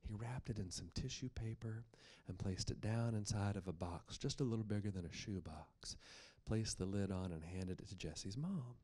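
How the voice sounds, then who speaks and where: An American man performs as an oral storyteller. He paces a spooky tale deliberately and leans on words for dramatic effect. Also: on the low side. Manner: dramatic, deliberate pacing with expressive emphasis.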